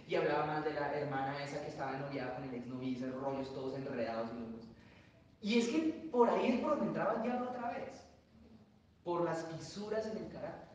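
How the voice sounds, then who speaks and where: A man, preaching a lively sermon full of acted voices and asides. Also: a little high, lo-fi sound, a little hiss or hum. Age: late 30s. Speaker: pastor. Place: large church hall. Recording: echoey church from far off.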